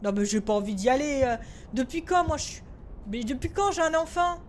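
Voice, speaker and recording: A woman's voice: high voice, expressive, brisk, a little hiss or hum. A woman streaming a horror game in live commentary, jumpy and easily irritated, swearing and talking to herself with English words mixed in.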